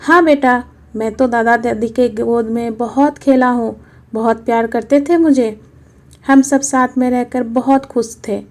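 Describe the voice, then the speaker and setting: A woman voicing a mild-mannered grown son and father in a storybook reading, speaking calmly. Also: on the high side, a little slow. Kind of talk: storybook narration.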